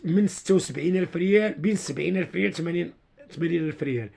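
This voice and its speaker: An online video commentator with a Moroccan accent talks informally to his followers, explaining things while repeating himself and searching for words. His voice is fairly high and a little mellow, with vocal fry. His delivery is halting and repetitive.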